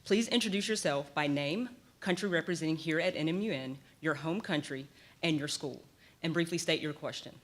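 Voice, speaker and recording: A man moderating a conference session, giving clear and courteous procedural instructions. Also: fairly high pitch, a little fast, a bit bright. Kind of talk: formal announcements.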